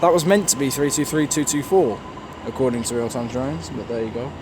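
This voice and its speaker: A man's voice: mid-range voice, a little fast. A man giving casual, off-the-cuff train commentary with grumbling, sarcastic asides. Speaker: trainspotting video maker. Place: large railway station concourse or platform. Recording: noisy railway station ambience.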